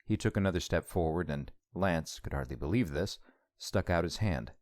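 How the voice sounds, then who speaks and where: Very deep-voiced male audiobook narrator. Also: animated, moderate pace, darkish tone, dry recording, studio quality.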